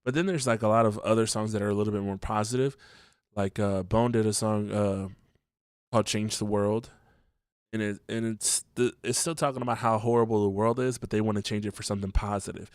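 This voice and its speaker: Brisk and steady, this man's lowish voice comes across clear and resonant in a clean, echo-free studio sound. He's at home having just woken up, a little stuffy from allergies, and delivers his solo podcast monologue casually with plenty of ums and restarts.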